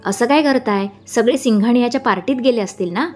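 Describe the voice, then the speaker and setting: A cheeky young male assistant who pouts and teases his boss, as a woman reads him in a storybook. His lines sit a little above her narration, with soft music far behind. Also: fairly high pitch, fairly quick, voice pushed up, close to an everyday voice. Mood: teasing. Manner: teasing, pouting.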